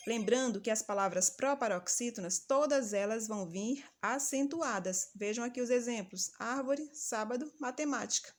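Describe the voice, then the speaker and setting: A woman teacher giving a patient, didactic lesson and calling out example words slowly and loudly. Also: fairly high pitch. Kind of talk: recorded grammar lesson for children.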